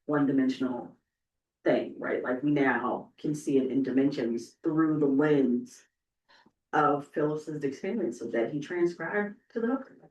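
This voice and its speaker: With a low, slightly mellow voice at a measured pace, a woman talks conversationally as a panel oral historian. Emphatic, she repeatedly checks in with "right?", heard via a distant microphone in an echoey indoor event room.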